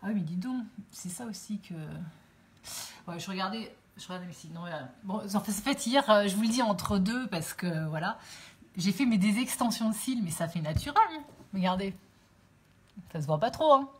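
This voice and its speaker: A woman's voice: mid-range voice, expressive, normal speed, slight background noise. A woman hosting a casual live cooking stream from her home kitchen, chatting with viewers through her phone and rambling with many fillers.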